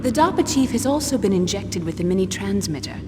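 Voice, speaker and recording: A woman's voice: medium pitch, expressive, brisk, natural voice. A woman voicing a cool, precise military scientist in a video game, explaining in a firm clinical manner. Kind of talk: dramatic video game voice acting. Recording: long hall reverb, noisy ambience behind.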